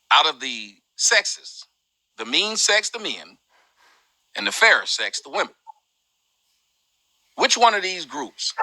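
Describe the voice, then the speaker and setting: A man hosting a live group discussion in casual, animated talk, his voice jumping high when he mocks. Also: dry recording, low-quality recording. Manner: animated, swings high and loud when mocking.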